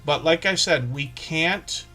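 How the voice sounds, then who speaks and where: A man hosting a livestream for small creators talks casually and at length, rambling with lots of fillers, restarts, and self-corrections. His voice is on the high side with a sharp tone, he takes it slowly, and soft music plays in the background.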